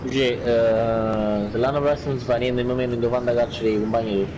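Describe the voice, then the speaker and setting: A man with a Neapolitan accent in casual gaming chat with friends, excitable and swearing freely. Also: mid-range voice, normal speed, lo-fi sound, noisy background. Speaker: gamer in squad voice chat.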